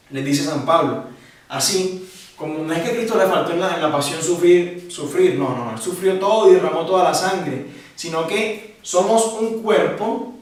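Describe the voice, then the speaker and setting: A man from Ecuador teaching a catechism lesson to young people, lively and asking questions that he answers himself. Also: on the high side. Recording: echoey room, voice from a distance.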